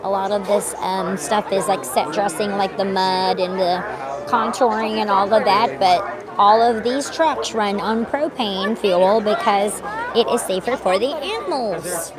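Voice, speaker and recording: A woman's voice: medium pitch, measured pace. A woman chatting casually and playfully on a live stream, in the manner of a vlogger out and about. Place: outdoors at a busy theme park. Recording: loud crowd noise outdoors.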